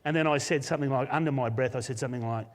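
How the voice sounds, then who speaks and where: A man with an Australian accent, a senior pastor, telling a personal story in a live sermon with lively laughs. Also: mid-range voice, racing. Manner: animated storyteller, laughs often. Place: church auditorium, live service. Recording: long hall reverb.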